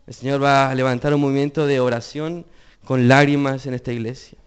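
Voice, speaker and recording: A man's voice: mid-range voice, little pitch movement, a little fast, smooth. A young man preaching a sermon, earnest, asking the congregation questions.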